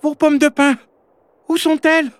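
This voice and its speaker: Squeaky snow creature Oran. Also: male voice, measured pace, clear, resonant tone, dry recording. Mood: alarmed. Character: small creature Oran, frantic and shrill. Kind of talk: children's storybook reading.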